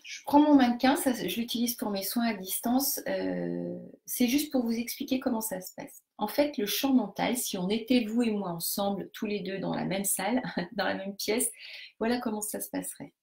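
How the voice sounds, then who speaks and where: A woman's voice: mid-range voice, moderate pace, gravelly, a little mellow. A woman leading a live group coaching session, explaining a technique step by step to participants with frequent hesitations and restarts. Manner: hesitant, many fillers and restarts while explaining; instructive, talks directly to participants.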